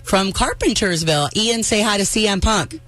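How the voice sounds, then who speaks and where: A woman's voice: mid-range voice, animated, moderate pace, fairly bright tone. A woman hosting a call-in radio show, bubbly and enthusiastic as she takes calls and chats with a guest. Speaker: radio host.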